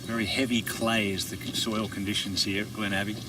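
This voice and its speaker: Lowish male golf commentator, noisy outdoor sound. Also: level tone, a little fast. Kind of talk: live golf analysis, conversational. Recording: distant, noisy outdoor ambience.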